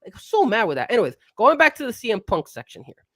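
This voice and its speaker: A man's voice: sits high, wildly swooping pitch, fast talker, a bit bright, dry recording, studio quality. Guy co-hosting a wrestling talk show, heated and cursing, voice swings all over. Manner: rhetorical questions, laughs often. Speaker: co-host.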